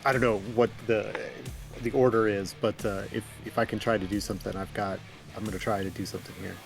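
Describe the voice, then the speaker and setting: A man's voice: fairly low pitch, little pitch movement, fast, creaky, soft background music. A man playing a tabletop game, talking hesitantly and restarting his sentences. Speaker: player. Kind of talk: casual tabletop play.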